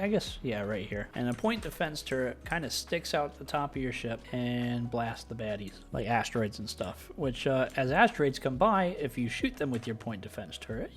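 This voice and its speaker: Young adult male gaming host, casual chatty commentary, easygoing self-deprecating read. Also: mid-range voice. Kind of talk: casual let's play commentary.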